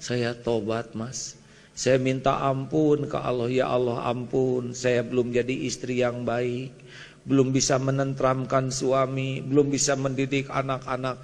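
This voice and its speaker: A male preacher voicing a humble, repentant wife who speaks softly and contritely. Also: flat delivery, measured pace, gravelly, in a large hall. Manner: soft, lowered, contrite.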